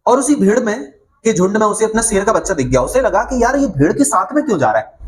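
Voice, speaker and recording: A man's voice: high-pitched, poor audio. A man telling a motivational story, in an earnest, emphatic way with much repetition, checking in with his listeners. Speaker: motivational speaker.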